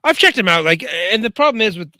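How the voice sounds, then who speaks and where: A man hosting a podcast, telling stories in a loose, profane, animated way. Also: high-pitched, fast talker, no room sound. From Canada. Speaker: podcast host. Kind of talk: casual chat.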